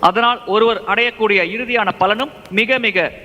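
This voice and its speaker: A man interprets a lecture phrase by phrase in a high, bright voice. His delivery is fluent and steady. Long reverb from a hall trails behind his words. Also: moderate pace, lo-fi sound, a little hiss or hum. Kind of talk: consecutive translation of a lecture.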